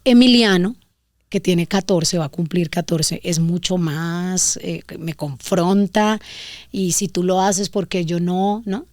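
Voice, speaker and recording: Animated Valle Colombian woman giving parenting advice. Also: on the low side, slow pace, dry recording, studio quality. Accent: Valle del Cauca Colombian. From Colombia, Valle del Cauca. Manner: animated, acts out examples in voices. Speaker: guest parenting expert. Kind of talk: casual advice conversation.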